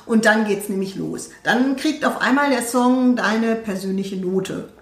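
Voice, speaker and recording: A woman's voice: on the high side, a little slow. A woman co-hosting a casual podcast, talking in a rambling way with many fillers. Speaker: podcast co-host, music learner. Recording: roomy, slightly distant mic.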